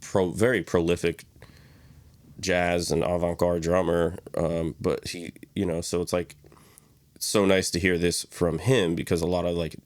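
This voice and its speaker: Young man, podcast co-host, deep voice, dry close sound, rambling, laughing. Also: moderate pace, dry recording. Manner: rambling, animated, laughs often. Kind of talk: casual chat.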